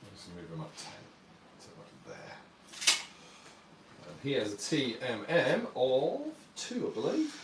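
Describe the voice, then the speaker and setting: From a cozy apartment, a man streams a tabletop wargame, chatting with viewers and explaining the rules as he plays. His medium-pitched voice swoops wildly, moving at a measured pace with long pauses. The sound is roomy, with a distant mic and a little background noise.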